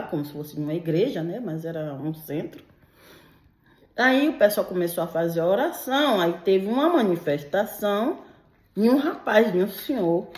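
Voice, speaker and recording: A woman's voice: on the high side, a little mellow. A woman and interpreter telling her own true paranormal story in an emotional, confiding way, speaking straight to her listeners. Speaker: legal and medical interpreter. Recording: roomy echo.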